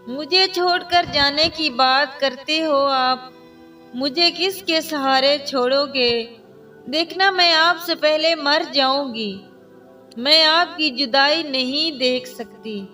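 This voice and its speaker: A woman voicing a loving young wife who pleads tearfully in a dramatized story, recorded from a distance with soft music behind. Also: sits high. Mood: pleading.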